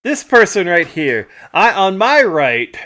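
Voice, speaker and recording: A man with a voice that sits high hosts a live-stream storytelling show, casually and humorously narrating stories over photos at a measured pace. He chuckles a lot and acts out quotes in lively retellings, with slight background noise present.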